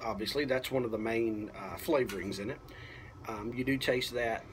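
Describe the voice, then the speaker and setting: A man in his thirties gives a casual, unhurried product review to camera, often halting as he thinks aloud. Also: mid-range voice. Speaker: pipe tobacco reviewer. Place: apartment balcony at night. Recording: clearly noisy, outdoor ambience.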